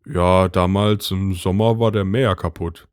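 A man voicing a meek, confused middle-aged husband who speaks hesitantly and tries to calm things down. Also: deep voice, unhurried, smooth, no echo, studio quality. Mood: bewildered. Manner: hesitant, placating. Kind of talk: storybook reading.

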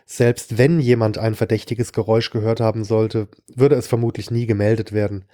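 A man's voice: fairly low pitch, little pitch movement, brisk, warm tone, no room sound. A man reading a short story aloud in the first person, with a dry, sardonic delivery. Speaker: narrator. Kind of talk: scripted narration of a short story.

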